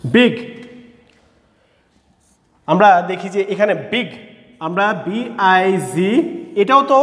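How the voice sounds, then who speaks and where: High-voiced teacher in an echoey room. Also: male voice. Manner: slow, explanatory, spells words letter by letter. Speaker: English teacher. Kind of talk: classroom grammar lesson. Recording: echoey room with long reverb.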